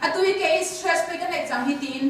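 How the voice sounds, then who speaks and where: Female conference lecturer, high voice, questions the audience, distant and echoey hall sound. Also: fairly quick, slight background noise. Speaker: conference speaker. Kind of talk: lecture on counseling.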